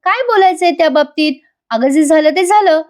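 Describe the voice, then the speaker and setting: A woman's voice: very high voice, moderate pace, voice pushed up. A woman voicing a tender young husband who coaxes and pleads with his wife. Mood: coaxing. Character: affectionate young husband, gentle and persistent.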